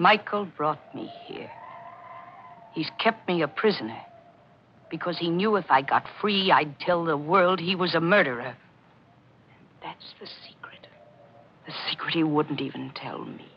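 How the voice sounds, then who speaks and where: A gravelly, breathy guilt-wracked woman writer spilling her crimes, old muffled radio play. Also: low-pitched, slight background noise. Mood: anguished. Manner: tense, breathless confession with whispered asides. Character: guilt-ridden woman mystery novelist confessing murders. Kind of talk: 1940s radio drama acting. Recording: dull, lo-fi 1940s radio broadcast.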